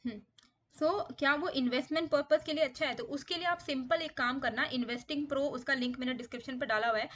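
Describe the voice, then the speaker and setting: A woman's voice: sits high, a little fast, a bit bright. A woman with an Indian accent walking viewers step by step through a stock research tool, mixing Hindi and English. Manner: explanatory, mixes Hindi and English, guiding step by step. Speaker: stock market YouTuber. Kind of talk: screen-share tutorial walkthrough.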